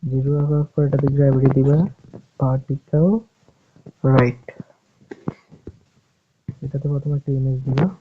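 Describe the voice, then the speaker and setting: Bangladeshi guy explaining app steps, very flat monotone, dull lo-fi phone mic with a bit of hiss. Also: mid-range voice, normal speed, long pauses. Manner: step-by-step instructions, casual, self-correcting. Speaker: tutorial host. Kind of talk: screen-recorded app-building tutorial.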